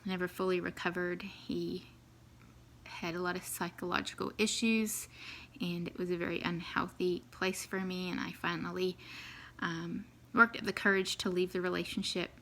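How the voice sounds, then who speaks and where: Bright-voiced New Zealand woman, chatty. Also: lowish voice, flat delivery, normal speed, a little hiss or hum. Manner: chatty, laughs easily, many ums. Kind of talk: casual personal story to camera.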